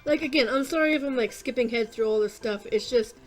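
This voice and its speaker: A woman's voice: fairly high pitch, fast talker. Coughing woman, rambling gamer chat. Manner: rambling, filler-heavy, casual swearing. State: keeps clearing throat and coughing. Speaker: gaming YouTuber. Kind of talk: casual gameplay commentary.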